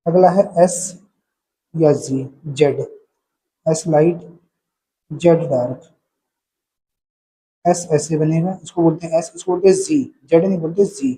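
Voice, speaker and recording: A man teaching a shorthand lesson step by step, calling out paired sounds in a steady drill rhythm. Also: on the high side, takes it slowly, pauses often, slightly rough, poor audio.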